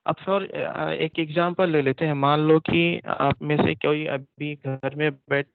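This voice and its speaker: A male teacher giving an online grammar class, repeating and drilling terms and asking quick questions. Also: fairly high pitch, steady tone, gravelly, smooth, no echo. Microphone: computer mic, online class. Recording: dry, dull lo-fi online audio.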